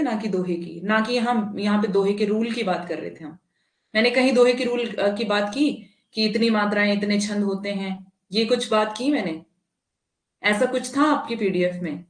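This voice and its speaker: A woman teaches a live online class, indignant and emphatic, with frequent tag questions. Her voice sits at a middle pitch. It comes over a laptop or phone mic in a roomy, echoey space. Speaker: online Hindi exam teacher.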